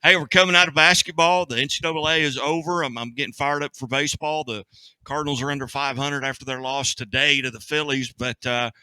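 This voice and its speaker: An eager man co-hosting a sports chat, his bright, forceful voice dry and close. He rambles enthusiastically, restarting his phrases as he goes. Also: a little high, steady tone, fairly quick, clear, resonant tone, no room sound, poor audio. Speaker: co-host. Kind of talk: casual sports talk. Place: cafe studio.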